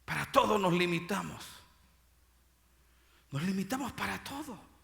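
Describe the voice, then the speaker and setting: A male pastor preaching a sermon, swinging from shouted peaks to low murmurs. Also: sing-song, a little slow, creaky, in a large hall.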